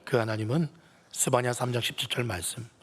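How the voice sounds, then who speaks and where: A man preaching a sermon as pastor, impassioned, swinging from loud peaks to hushed near-whispers. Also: mid-range voice, steady tone, brisk. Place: church sanctuary. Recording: long church-hall reverb.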